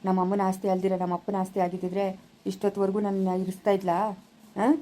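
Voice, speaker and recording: A woman's voice: mid-range voice, flat delivery, fast, warm tone, slight background noise, lightly acted, rough recording. A woman voicing a cautious, firm husband who lectures his wife.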